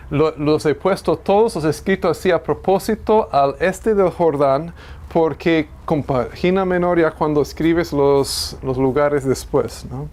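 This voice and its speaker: A man's voice: a little high, darkish tone. Man teaching a Bible class. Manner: thinking aloud, self-correcting, asks the class questions.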